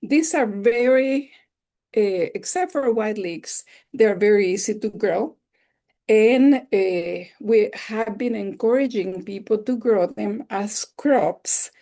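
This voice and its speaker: This webinar instructor is a Salvadoran woman who speaks Spanish natively, with a slow, gravelly delivery and a dark, mid-range voice. She walks through her slides with enthusiasm, explaining as she goes.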